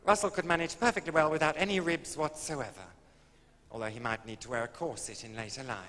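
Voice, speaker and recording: A man on stage acting out a calm, matter-of-fact woman doctor giving reassurance in a comic story. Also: medium pitch, quick pace, long reverb tail, slight background noise, lightly acted. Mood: reassuring.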